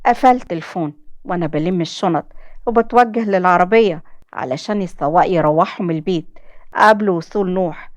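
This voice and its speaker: A woman's voice: lowish voice, fairly quick, no room sound. A young woman with an Egyptian accent narrating a dramatic first-person story in an emotional, heartfelt way. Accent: Egyptian Arabic.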